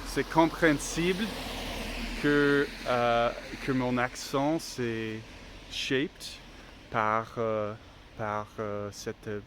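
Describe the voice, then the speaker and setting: A man who speaks English natively, talking slowly in learner French while vlogging on a phone as he walks outside, hesitant with many fillers and restarts. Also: medium pitch, steady tone. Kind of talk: casual walking vlog. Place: outdoors on a street. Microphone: phone held while walking. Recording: faint outdoor street noise. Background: street ambience, passing vehicles.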